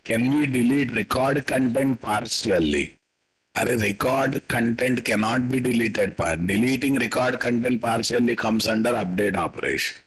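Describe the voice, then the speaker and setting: A man with a Telugu-influenced Indian accent and a husky voice, teaching a live coding lesson as an instructor, repeating his statements and quizzing listeners with tag questions. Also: mid-range voice, normal speed, rough recording. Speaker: programming instructor.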